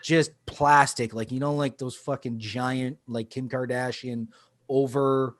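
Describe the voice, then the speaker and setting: A man's voice: mid-range voice, fairly even intonation, measured pace, no room sound, clean studio sound. A man guest on a podcast, chatting casually and swearing freely. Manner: frank and crude, swears freely. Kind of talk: casual chat.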